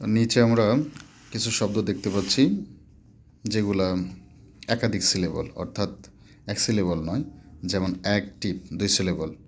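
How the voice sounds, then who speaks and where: A male teacher with a Bangladeshi Bengali accent explains a grammar lesson in a calm, measured way. His voice sits fairly low, and he works through each example methodically, repeating word forms and pausing with small fillers. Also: a little hiss or hum.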